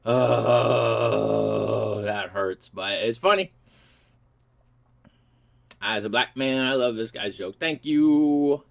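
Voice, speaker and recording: A middle-aged man at a medium pitch, reacting in loose, casual commentary. He swears freely, gets animated, and often breaks into laughter. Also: very slow, creaky, pauses often. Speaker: comedy video host.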